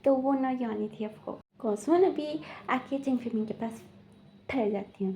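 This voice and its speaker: High bright woman recapping a drama. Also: measured pace, a little hiss or hum. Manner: rambling, many fillers, quotes characters in brief voices. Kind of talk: casual storytelling recap.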